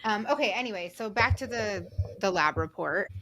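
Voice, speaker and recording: A woman co-hosting a podcast in casual chat, relaxed and agreeable, steering the talk along. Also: mid-range voice, normal speed, a little hiss or hum. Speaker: podcast co-host.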